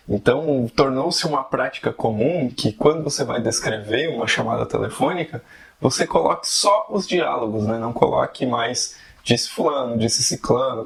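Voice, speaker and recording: A man's voice: mid-range voice, gravelly. A man giving a casual, conversational video lesson on fiction writing, often tagging questions onto his sentences. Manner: conversational, frequent tag questions. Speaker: writing teacher.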